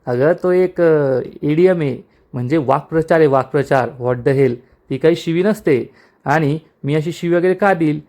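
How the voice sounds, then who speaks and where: A playful young husband in a TV serial recap, chatty and reassuring, lightly raised in pitch. A man reads his lines. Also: normal speed, a little mellow, close to an everyday voice. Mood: bantering. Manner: bantering, chatty.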